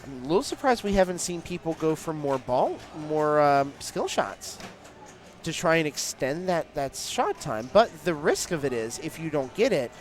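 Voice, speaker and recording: A man's voice: a little high, very animated, normal speed. A man calling a live tournament as play-by-play commentator, explaining at length with frequent fillers. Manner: analytical, long explanatory runs with fillers.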